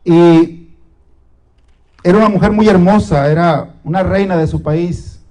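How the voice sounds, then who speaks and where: High voiced pastor preaching, lots of pauses and repeats. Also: male voice, warm tone, low-quality recording. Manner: dramatic preaching with pauses and repetition. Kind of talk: sermon.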